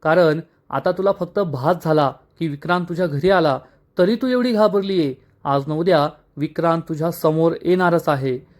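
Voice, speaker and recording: Determined young woman, soothing but firm, voiced by a man, somewhat high pitch. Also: moderate pace, close to an everyday voice. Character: resolute young woman, calm and reassuring.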